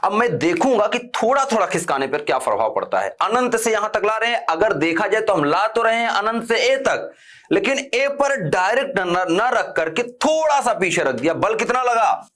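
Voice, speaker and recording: Higher-pitched male physics teacher. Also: big pitch swings, moderate pace, fairly bright tone. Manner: asks students questions and answers them himself, repeats key terms; stern when telling students to stop chatting. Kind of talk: online class lecture.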